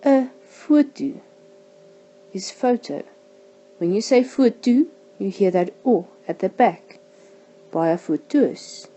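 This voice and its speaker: A woman teaching a language lesson, saying each example word slowly and carefully. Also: medium pitch, warm tone, rough recording. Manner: slow, careful pronunciation of example words.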